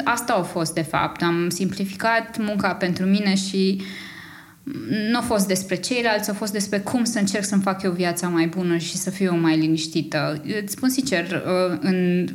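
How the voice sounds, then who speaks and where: A young Romanian woman, a podcast guest, speaking openly and reflectively, with frequent hesitations. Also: mid-range voice. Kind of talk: candid conversational interview.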